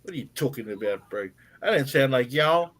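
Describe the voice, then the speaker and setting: A man's voice: medium pitch, lively intonation, fairly quick, a bit bright. A man with a New Zealand accent, chatting casually and joking on a podcast. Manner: laid-back, joking, calls people bro. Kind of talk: casual chat.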